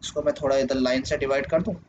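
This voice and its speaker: A man's voice: mid-range voice, fairly even intonation, fast talker, a little mellow. A young man teaching in a casual lecture, explaining step by step with many fillers and self-corrections. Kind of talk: casual Hindi lecture working a problem on screen. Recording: slightly dull lo-fi voice with faint background hiss.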